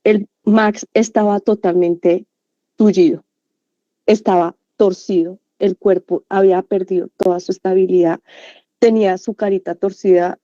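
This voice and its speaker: A woman giving an earnest, halting testimony to a prayer group, full of fillers and restarts. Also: mid-range voice, dark tone, no room sound. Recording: dull lo-fi sound.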